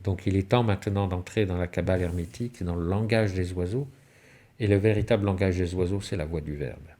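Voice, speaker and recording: A man's voice: sits low, brisk, dark tone. A man giving a spiritual talk on alchemy and symbolism, telling stories with rhetorical questions and sudden rises and falls in his voice. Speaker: lecturer.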